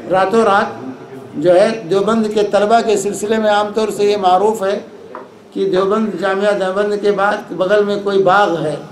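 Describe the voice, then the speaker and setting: A high-pitched man, an Islamic lecturer, gives a lecture with audience questions in an echoey hall with faint background noise. He explains calmly at a measured pace, repeating points for emphasis.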